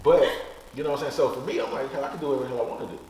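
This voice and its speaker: A man's voice: mid-range voice, very fast, mellow, distant mic. A man in his thirties, a podcast guest talking frankly and bluntly in casual chat, swearing casually. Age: 30s. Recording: echoey room, off-mic, faint noise.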